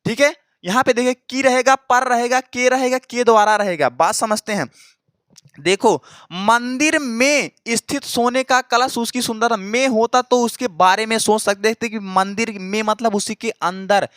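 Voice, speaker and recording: High-voiced male Hindi teacher. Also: a bit bright, clean tone, dry recording. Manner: repetitive, checks understanding often. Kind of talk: exam-prep Hindi grammar lesson. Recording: dry close recording.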